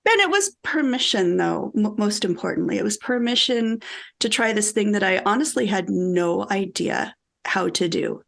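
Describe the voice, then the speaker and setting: Animated storytelling woman, laughs often. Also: mid-range voice, normal speed, creaky. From American Midwest. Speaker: guest author. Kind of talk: casual podcast conversation.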